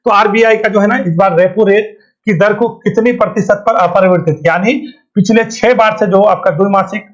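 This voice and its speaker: A man's voice: high-pitched, steady tone, normal speed. A man runs an exam-prep lesson. He fires off questions and answers them himself, dropping "thik hai" again and again. The recording is dull and lo-fi. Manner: colloquial, keeps asking and answering his own questions with "thik hai". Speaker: current affairs teacher. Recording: dull lo-fi sound.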